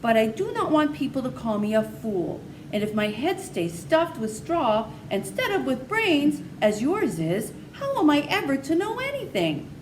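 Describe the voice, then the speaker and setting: Storybook scarecrow played by a woman: male figure, earnest and courteous, high lilting delivery, faint hiss of noise behind. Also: sing-song, normal speed, few pauses, rough recording. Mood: wistful, confiding. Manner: courteous, exclaiming, confiding. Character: friendly brainless stuffed scarecrow, male, politely earnest.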